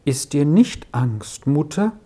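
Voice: medium pitch, sing-song, slow, warm tone, slightly rough, exaggerated voice. A storyteller voicing a timid young boy in an audiobook reading, speaking in a shy, pleading way.

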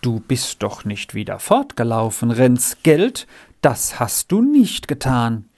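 A reader voicing a kind, anxious young farm girl in an audiobook, speaking high and pleading. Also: huge pitch swings, slow pace, a little mellow, heavily acted. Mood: worried. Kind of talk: audiobook reading.

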